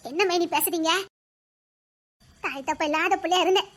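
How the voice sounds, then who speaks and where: A woman's voice: extremely high pitch, normal speed, a bit bright. A woman voicing a grateful young wife, the husband's sister, who speaks with an earnest, effusive manner. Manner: earnest, effusive, full of praise. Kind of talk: homemade village drama.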